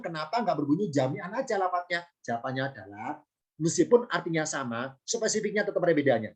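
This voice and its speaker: A male teacher in an online class, moving through a point step by step. He poses questions and answers them himself, and repeats key terms so they stick. He adds small apologies before his examples. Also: sits high. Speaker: Islamic studies teacher. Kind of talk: online lesson on Arabic grammar and Quran meaning.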